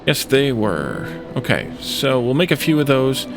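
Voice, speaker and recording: A man hosts a let's play, muttering through his game decisions aloud in short, hesitant phrases as he thinks while playing. His medium-pitched voice swings widely in pitch, runs a little slow, and carries vocal fry, with music in the background.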